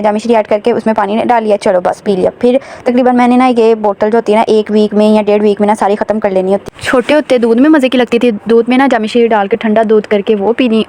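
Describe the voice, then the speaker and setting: A woman's voice: medium pitch, a little mellow. A young woman narrating her day at home in a chatty vlog voice-over, talking straight to her viewers. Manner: chatty, addresses viewers directly. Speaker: vlogger.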